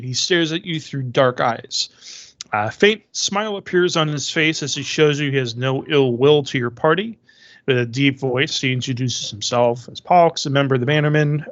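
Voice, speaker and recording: A man's voice: on the high side, a bit bright, no echo. Dry, muffled male game master narrating. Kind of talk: narrating a tabletop game, partly reading prepared description. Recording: dull, dry, lo-fi voice-chat sound.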